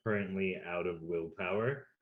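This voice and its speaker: Male game master, lowish voice, roomy sound, calm storyteller. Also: moderate pace, narrow, tinny audio. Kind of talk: narrating a tabletop game. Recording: roomy echo.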